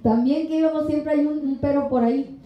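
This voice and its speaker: A woman preaching a sermon at a women's conference in a church hall, animated and often acting out the voices she quotes. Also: high voice, fairly quick, lo-fi sound. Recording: echoey room.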